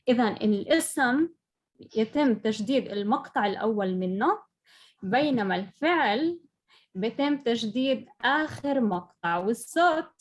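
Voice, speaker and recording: A woman's voice: on the high side, muffled recording. A woman teaching an English pronunciation lesson, explaining patiently and often checking in with "okay?". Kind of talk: classroom lesson.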